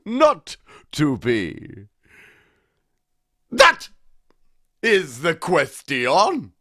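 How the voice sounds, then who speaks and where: An actor playing a pompous, grandiose older stage actor who declaims theatrically in a comedy radio sketch. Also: male voice, a little high, huge pitch swings, very slow, sharp tone, no room sound, clean studio sound, heavily acted. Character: pompous old theatrical ham actor man.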